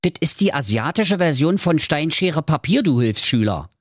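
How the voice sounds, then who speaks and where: A man's voice: high-pitched, sing-song, moderate pace, no room sound, clean studio sound, pitched above the performer's own voice. A man voicing a scrawny, smug young web designer, cheeky and know-it-all. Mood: cocky.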